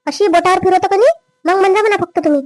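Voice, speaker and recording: A woman playing a greedy, scheming young wife in a family drama skit, with a quick, complaining manner. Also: extremely high pitch, a little mellow, no echo. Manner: quick, complaining, rising whine. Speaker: daughter-in-law.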